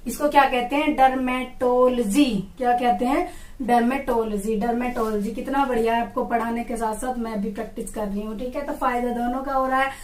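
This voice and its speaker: A young woman teaching biology to exam students, her voice a touch high. She repeats each term and quizzes the class back on its pronunciation. The room is echoey, and she sounds a little away from the mic. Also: distant mic. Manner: repeats terms and drills pronunciation with call-and-response questions. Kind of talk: online exam-prep lesson.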